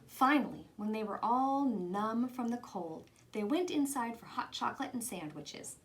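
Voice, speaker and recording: A woman reads a children's picture book aloud, using an expressive storytelling style. Her voice is on the high side, and she keeps a moderate pace.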